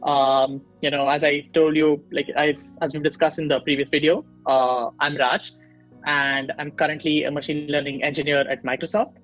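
A young man from India, a machine learning engineer guest, explains his field in a casual video-call interview, full of fillers and restarts. He is recorded on earbuds in a small room at home. His voice is on the high side and fairly bright, with little pitch movement, at normal speed; the sound is lo-fi, with soft background music.

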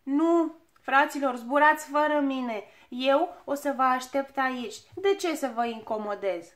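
Brief: fretful, obliging male dwarf, read by a woman, high and pleading, storybook. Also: a bit bright. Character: timid obliging plump dwarf, male, fussy worrier.

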